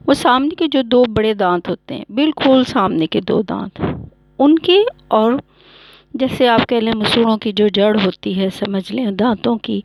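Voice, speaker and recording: A woman's voice: on the high side, poor audio. A woman teaching Quran reading, patiently sounding out letters one by one and repeating them. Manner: slow and clear, repeats each letter sound. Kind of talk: patient step-by-step lesson.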